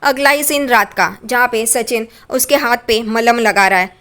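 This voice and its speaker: A woman's voice: a little high, moderate pace. A woman casually retelling a TV serial episode in a chatty storytelling style. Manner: chatty, lively narration with acted quotes. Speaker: TV serial recap narrator.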